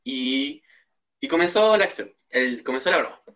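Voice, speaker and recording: Bright-voiced young Chilean man. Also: medium pitch, expressive, moderate pace. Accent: Chilean Spanish. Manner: rambling storyteller with restarts. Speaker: podcast co-host. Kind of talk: casual chat.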